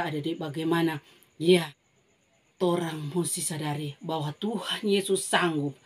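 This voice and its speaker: A woman with a Manado Malay accent teaching a Bible story to children, telling it in an animated way with frequent exclamations and repeated key phrases. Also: medium pitch. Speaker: Sunday school teacher.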